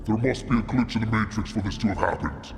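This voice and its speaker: A text-to-speech male voice run through a demonic layered filter, reading a donation message in a flat, slow, menacing way. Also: fairly low pitch, gravelly. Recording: long echo with music behind.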